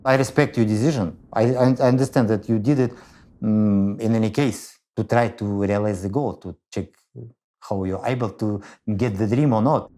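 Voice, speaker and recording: A man, a veteran high-altitude climber, speaking in English that is not his first language, halting and repeating words as he gives philosophical advice in an interview. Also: fairly even intonation, mellow.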